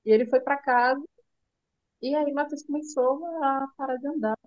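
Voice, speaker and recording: A middle-aged woman with a Brazilian Portuguese accent, telling her son's illness story in a tender, halting way with many restarts. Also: sits high, fairly even intonation, no echo, muffled recording. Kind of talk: emotional personal storytelling.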